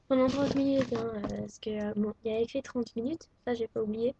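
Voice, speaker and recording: A teenage French craft vlogger speaks in a somewhat high, creaky voice with fairly even intonation and a moderate pace. Chatty but hesitant, she fills her at-home webcam show-and-tell with fillers. The background is noisy, with a faint vacuum cleaner in the dull lo-fi audio.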